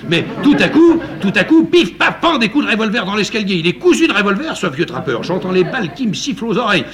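A man voicing a cowardly young lover who recounts his escape in a rushed, excitable way, in a 1950s radio play reading. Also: high-pitched, voice pushed up. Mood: frantic. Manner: breathless, rushed, excitable storytelling.

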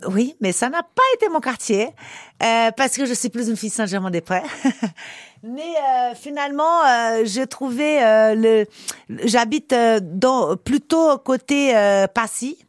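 A woman's voice: on the high side, unhurried, dry recording, clean studio sound. A woman with a foreign accent in French, chatting casually and emphatically as a guest in a radio interview. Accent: foreign accent in French, not Parisian. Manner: effusive, emphatic. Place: radio studio, close and dry.

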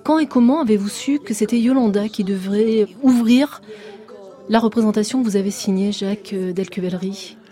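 A woman's voice: medium pitch, normal speed, warm tone. A woman hosting a radio theatre show, reading a formal, literary, emphatic scripted introduction and then interviewing a guest. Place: radio studio.

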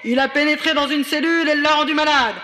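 A man doing a high-voiced commander on police radio. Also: steady tone, fast talker, pushed and bright, long reverb tail, slight background noise. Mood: urgent. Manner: urgent radio dispatch calls, repeating orders. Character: male immune system commander calling his units over a police-style radio. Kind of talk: children's news explainer sketch.

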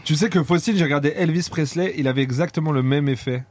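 Fast-talking joking man. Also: a little high, slight background noise. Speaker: co-host. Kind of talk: casual radio chat.

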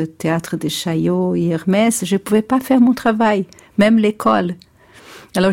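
A woman with a foreign Brazilian accent in French, a native Portuguese speaker, answering in an interview and searching for words in halting phrasing. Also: medium pitch, darkish tone. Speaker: interview guest, artist.

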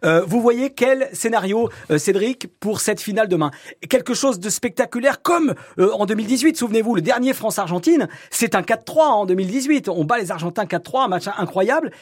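A man's voice: high-pitched, animated, a little fast, breathy edge. A man hosting a radio sports chat, teasing and full of hesitations. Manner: hesitant, many fillers, teasing. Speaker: radio host.

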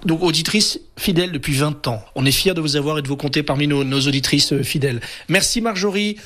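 A man's voice: fairly high pitch, fast, a bit bright. Chatty, teasing male radio host. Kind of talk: casual radio interview.

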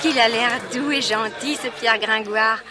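A woman's voice: fairly high pitch, unhurried, natural voice. An actress playing a giddy, smitten young woman, gushing and flustered in a theatrical radio drama. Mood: smitten excitement. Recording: crowd murmur behind.

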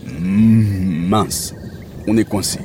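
A man voicing a gentle cow who leads her friends in a children's audio story, calm and humming before she speaks. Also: low voice, drawn-out words, noisy background.

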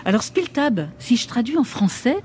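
A woman's voice: fairly high pitch, big pitch swings, normal speed, a little mellow, slight background noise. A woman hosting a conversational radio interview from a studio. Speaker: radio host.

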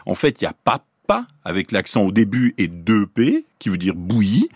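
A man from Paris giving a scripted radio explanation as a science columnist, in a clear teaching tone that slows down to pronounce examples. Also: on the low side, animated, a little mellow, dry recording, studio quality. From Paris, France.

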